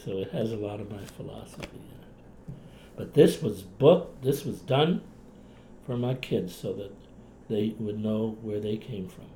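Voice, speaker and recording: An older, retired man with a Cape Breton accent, reminiscing in a relaxed, talkative, folksy way in conversation. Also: lowish voice, unhurried. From Cape Breton, Canada. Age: older, past retirement. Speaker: interviewee, retired clinician and writer. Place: indoors in a home. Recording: roomy echo, faint background noise.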